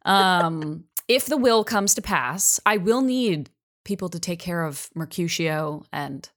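A woman guest on a podcast, joking in a deadpan, mock-grand way with many hesitations. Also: lowish voice, slow. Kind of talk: casual chat.

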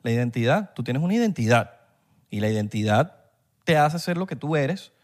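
A Venezuelan man in his thirties chats casually on a podcast, heavy on slang and quick to argue his point. His voice rises and falls in wide, lively swings. He speaks with a Venezuelan Spanish accent. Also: mid-range voice. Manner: animated, slangy, argumentative. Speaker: podcast co-host. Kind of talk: casual chat.

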